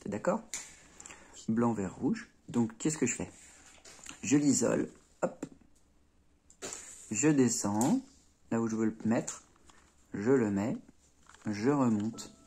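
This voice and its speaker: A man's voice: mid-range voice, expressive, takes it slowly, long pauses, mellow, husky. Chatty man demonstrating moves, asking "ok?". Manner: chatty, checks in with "d'accord?", punctuates moves with "hop" and "tac". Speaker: Rubik's cube tutor. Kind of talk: casual hands-on tutorial.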